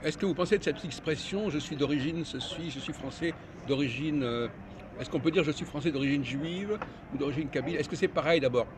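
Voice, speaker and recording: A man's voice: on the high side, a little fast. A man hosting a casual group debate at an outdoor café, asking questions and restarting his sentences. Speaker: host of a philosophy café discussion. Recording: busy crowd noise outdoors.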